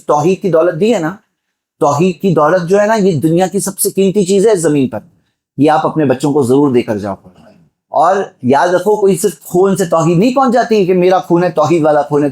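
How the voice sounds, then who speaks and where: A man's voice: a little high, a little mellow. Man preaching an exhorting sermon. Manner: exhorting, rhetorical questions to the congregation. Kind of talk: Friday sermon.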